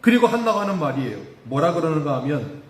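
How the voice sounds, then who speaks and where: High-voiced male pastor preaching in an echoey room. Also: quick pace. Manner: animated preaching, acting out quoted voices with rising pitch. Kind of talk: sermon. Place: church sanctuary.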